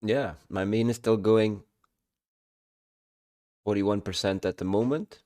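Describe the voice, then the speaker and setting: Guy w/ hiccups giving a game update, deep smooth voice, lots of ums. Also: fairly even intonation, darkish tone, dry recording. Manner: halting, many ums and restarts. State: has the hiccups. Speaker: streamer. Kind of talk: casual game progress update.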